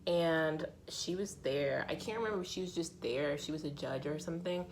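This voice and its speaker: A woman in her twenties chatting casually as a beauty vlogger, telling stories while doing her makeup and acting out quotes in a higher voice. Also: brisk, noisy background. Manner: animated, acts out quotes in a higher voice.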